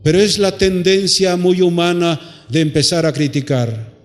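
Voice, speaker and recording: A man's voice: high voice, steady tone. Preaching man in a reverberant hall. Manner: rhetorical questions to the congregation; drawn-out emphatic phrases. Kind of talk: sermon. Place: church hall.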